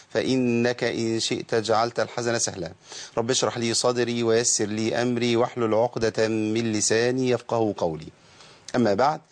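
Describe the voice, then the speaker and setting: A man with an Egyptian accent teaching Quranic recitation rules, explaining casually and chanting verse text slowly. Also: medium pitch. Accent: Egyptian Arabic. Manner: switches between colloquial explanation and slow melodic chanting.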